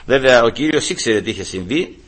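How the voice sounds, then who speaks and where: A male preacher delivering a sermon, emphatic and repeatedly addressing his listeners as brothers, with a husky voice. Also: medium pitch, lively intonation, a bit bright.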